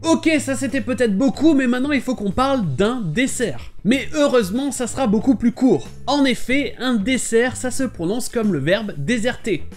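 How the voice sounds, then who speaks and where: A man gives a scripted pronunciation lesson, spelling out each sound clearly and modelling words slowly. His delivery rises and falls in a lively way, with faint music playing under his voice-over. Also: very high-pitched. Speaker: English teacher and channel host. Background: soft background music.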